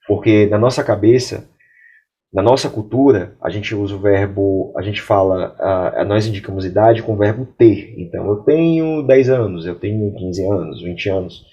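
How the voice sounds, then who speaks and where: A Brazilian Portuguese-speaking man teaching English grammar, explaining clearly and reading English example sentences slowly. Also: fairly low pitch, dark tone, highs cut off.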